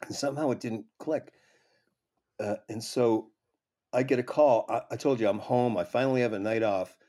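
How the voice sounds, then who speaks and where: A man's voice: mid-range voice, moderate pace, dark tone. A man, a comedy writer, guesting on an interview show and telling rambling, profane stories full of restarts. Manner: rambling, swears often, many restarts. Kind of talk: casual anecdote telling.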